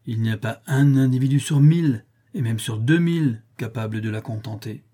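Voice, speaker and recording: A man's voice: medium pitch, moderate pace, dark tone, natural voice. A man voicing a cunning boy who talks in a coaxing, mock-casual way in an audiobook reading. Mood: sly. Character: cunning boy, sly and nonchalant.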